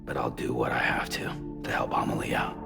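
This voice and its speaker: An actor playing a gruff, detached, reluctant male porter with a gravelly voice in a video game. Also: a little fast, over music, natural voice. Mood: curt, reluctant.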